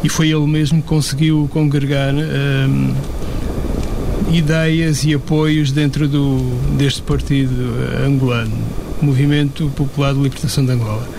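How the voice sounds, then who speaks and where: A man commenting in a casual discussion, measured and analytical, with some fillers. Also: medium pitch, little pitch movement, vocal fry, noisy background.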